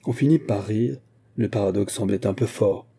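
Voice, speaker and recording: A man reading a classic novel aloud in a measured, steady narration. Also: on the low side, slightly rough. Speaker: audiobook narrator.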